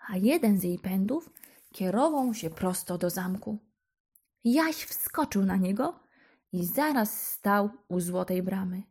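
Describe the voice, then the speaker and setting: A woman narrating a children's fairy tale. Her delivery is slow and gentle, with a mid-range voice and an easy storybook cadence. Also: mid-range voice, slightly rough.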